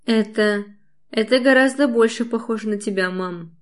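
Woman reading a calm gentle young man. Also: a little high, normal speed, close to an everyday voice. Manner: calm, steady, softly apologetic.

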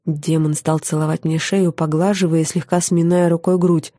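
A woman reading a first-person audiobook on a close studio mic, intimate and expressive, often softening to a hush. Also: sits low, normal speed, no echo. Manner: intimate and expressive, dropping to a soft hush in tender moments. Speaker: audiobook narrator.

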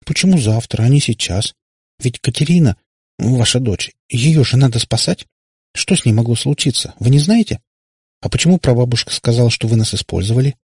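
A man's voice: medium pitch, animated, a little fast, a little mellow, slightly rough, no echo, studio quality, pitched above the performer's own voice. A man voicing a frightened young girl who keeps asking anxious questions. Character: frightened young girl's spirit, pleading.

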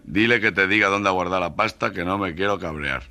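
A man voicing a gang boss who speaks quietly and menacingly. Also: low voice, fairly quick, full character voice.

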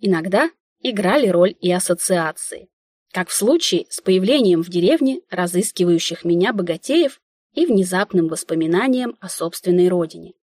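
A woman narrating a first-person audiobook in a wry, lively inner-monologue manner. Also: fairly low pitch, normal speed, husky, no echo, clean studio sound.

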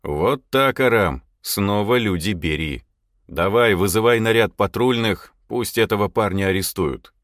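A man voicing a stern, commanding older man who speaks slowly and with calm menace. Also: fairly low pitch, no echo, clean studio sound. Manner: slow, measured, commanding.

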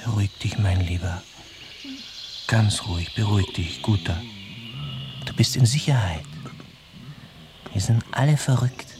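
A man's voice: fairly low pitch, measured pace, pauses often, heavy background noise, natural voice. An actor playing a bossy, coaxing male ringleader of asylum inmates in a radio drama, talking in a cajoling, theatrical way.

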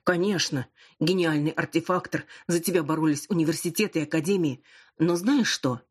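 A woman reading an audiobook, voicing a teasing, sharp-tongued young woman friend. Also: low-pitched, brisk, slightly rough. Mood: bitter resentful. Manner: mocking, cheeky, then bitter. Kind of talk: audiobook character voice.

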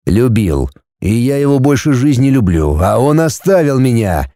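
A man's voice: medium pitch, very animated, moderate pace, dark tone, dry recording, clean studio sound. A man reading a domineering dragon lord. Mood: commanding. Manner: cool, curt and commanding. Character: male dragon lord, domineering, blunt and possessive.

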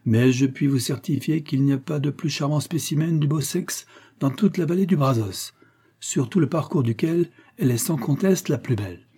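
A man's voice: a little high, moderate pace, mellow, husky, voice pushed up. A man voicing a polite, eager rancher in a read-aloud adventure story, speaking effusively. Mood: earnest.

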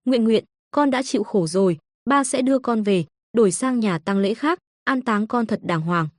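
A woman's voice: fairly high pitch, animated, normal speed, no room sound, studio quality. A woman narrator voicing a frightened, grieving middle-aged father who speaks in an anxious, pleading way.

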